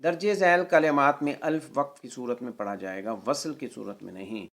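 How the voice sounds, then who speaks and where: A man with a mid-pitched, gravelly voice teaches recitation rules in a patient, measured way. He spells each word out letter by letter and vowel by vowel. Then he stretches the sacred words out in long, careful recitation. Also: fairly bright tone. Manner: draws out Quranic words slowly in recitation. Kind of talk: tajweed lesson.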